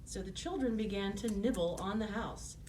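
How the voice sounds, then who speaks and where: A woman's voice: mid-range voice, moderate pace, a little mellow, distant mic, slight background noise. A woman storyteller narrating a children's fairy tale, in the manner of a fairy tale opening.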